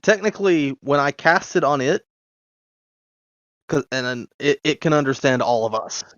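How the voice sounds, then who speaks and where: A man's voice: mid-range voice, expressive, normal speed, a bit bright, dry recording. A man who is a tabletop game player, eagerly explaining how a spell works. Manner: eager, rule-explaining talk. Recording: dull lo-fi dry mic.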